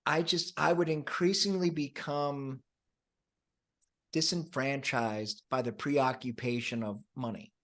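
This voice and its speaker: A man speaks as an interview guest, earnest and open. He often stumbles over the start of a thought and repeats his first words before going on. His pitch sits in the middle of the usual range for a man. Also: fairly even intonation, slow pace, fairly bright tone. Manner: earnest, with frequent stammered restarts. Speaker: coach and guest. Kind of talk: conversational interview.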